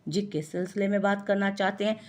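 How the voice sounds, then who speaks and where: A woman reading the lines of a gentle, calm young student who reproves others mildly. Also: medium pitch, fairly quick, natural voice. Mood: nervous.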